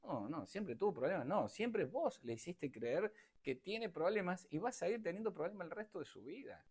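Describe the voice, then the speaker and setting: This man has a high, slightly rough and a little mellow voice with big pitch swings, talking at normal speed. He's giving an informal lecture to an online audience via video call in a repetitive, emphatic, conversational style.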